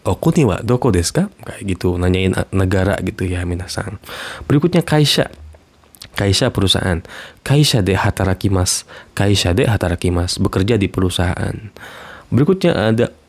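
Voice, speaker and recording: A man teaching Japanese words in a casual lesson, saying each example sentence twice and repeating translations slowly. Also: deep voice. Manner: relaxed, reads example sentences twice, slow clear repeats.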